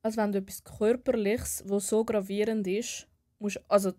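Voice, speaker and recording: A woman's voice: medium pitch, fairly even intonation, moderate pace, mellow. A young woman with a Swiss German accent, a nurse talking frankly and casually on a podcast, restarting sentences and laughing easily. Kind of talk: casual chat.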